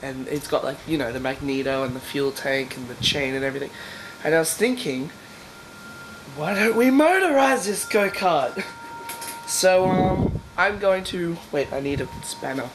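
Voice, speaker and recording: A young man with a stuffy nose and sore throat chats and laughs his way through a casual video diary recorded indoors at home. His voice is medium in pitch, fairly even in intonation, and normal in speed, and the room is echoey with some background noise.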